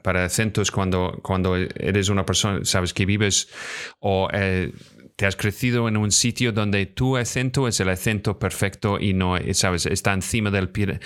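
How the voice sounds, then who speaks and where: A man with a very deep voice co-hosting a live chat about acting and voice work. He answers viewers' questions in a halting way, leaning on "sabes?" and using slightly off phrasing. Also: fairly bright tone, smooth. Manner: halting, frequent "sabes?" fillers, slightly non-native phrasing. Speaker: co-host and voice actor.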